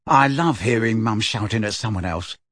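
Sardonic teen boy voiced by a man, low, dry delivery. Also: expressive, moderate pace, fairly bright tone, no echo. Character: teenage boy, sardonic twin.

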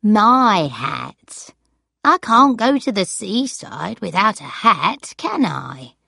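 A woman reading an audiobook, voicing a confused, forgetful grandmother of eighty in a high, shaky voice. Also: very animated, slow pace, vocal fry, sharp tone, breathy edge, no echo, clean studio sound, heavily acted. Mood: fussy. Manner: vague, wandering.

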